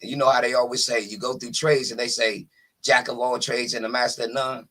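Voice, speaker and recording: A man's voice: medium pitch, flat delivery, fairly quick, a bit bright. A man, a laid-back guest talking over a video call. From Washington, DC.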